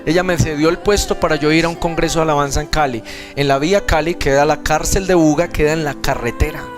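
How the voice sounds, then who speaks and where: A young man with a Colombian Spanish accent preaches in a seminar hall, earnestly sharing a personal testimony and acting out the dialogue in other voices. His voice runs high and steady, he talks fast, and music plays behind him.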